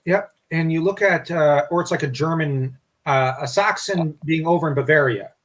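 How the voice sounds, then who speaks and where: Casual co-host, male, slightly high voice, loose and rambling delivery. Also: normal speed, a bit bright. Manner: rambling, restarts often. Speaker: podcast co-host. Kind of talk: casual history discussion.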